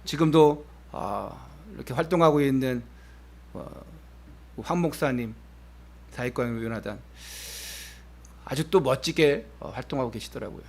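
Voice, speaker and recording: A male pastor with a mid-range voice delivers a Sunday sermon at a church service, unhurried and pausing often. He questions the congregation directly, alternating emphatic statements with quiet, gentle phrases.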